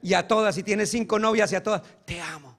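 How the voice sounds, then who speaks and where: A man preaching a sermon as pastor, swinging between loud emphatic stretches and soft, hushed asides. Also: high-pitched, steady tone, fast.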